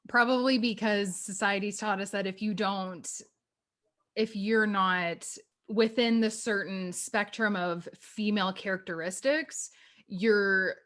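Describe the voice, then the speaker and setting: A woman's voice: medium pitch, fairly even intonation, measured pace, a bit bright. A woman in her mid-twenties hosting a podcast, talking earnestly in a casual chat with many fillers. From Canada. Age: 20s. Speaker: podcast host.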